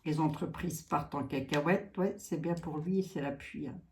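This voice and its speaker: A woman's voice: sits low, normal speed, a little mellow, a little hiss or hum. A woman with a Lorraine accent giving a tarot card reading, musing aloud with trailing asides and frequent tags. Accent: Lorraine French.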